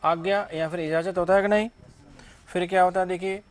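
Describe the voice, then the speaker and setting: A high-pitched man is teaching a grammar lesson to a class. He fires questions at the students and answers them himself. He talks in a drilling, repetitive classroom manner. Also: steady tone, fairly quick. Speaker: English teacher.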